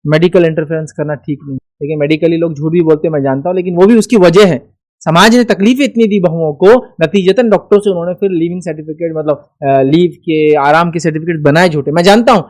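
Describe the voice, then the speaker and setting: A man's voice: a little high, fast, darkish tone. A man giving a religious lecture, emphatic and full of rhetorical questions. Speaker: Islamic speaker.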